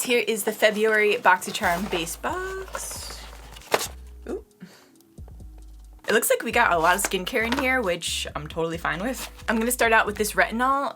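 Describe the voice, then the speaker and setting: A young woman giving a casual beauty product review. She is slightly hoarse and talks to her viewers in a chatty way, often using "like" as a filler. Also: medium pitch, a bit bright. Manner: chatty, addresses viewers as "you guys", frequent "like" fillers. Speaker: beauty vlogger.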